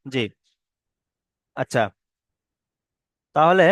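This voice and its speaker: A man's voice: mid-range voice, a bit bright, no echo. A man teaching Quran reading in an online class, patiently repeating letters and words and checking that listeners follow. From Bengal. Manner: patient, repeats each letter and word slowly.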